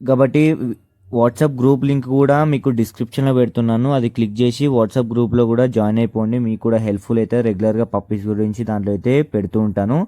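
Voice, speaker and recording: Casual seller host, talks quickly, dark timbre. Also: male voice, mid-range voice, little pitch movement, no room sound, studio quality. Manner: rapid chatty delivery, repeats filler words. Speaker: dog seller, channel host. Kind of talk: casual sales pitch to camera.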